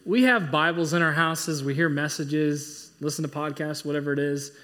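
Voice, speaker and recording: A pastor preaching a sermon, earnest and emphatic, driving points home through repetition. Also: male voice, fairly high pitch, fairly even intonation, moderate pace, a bit bright.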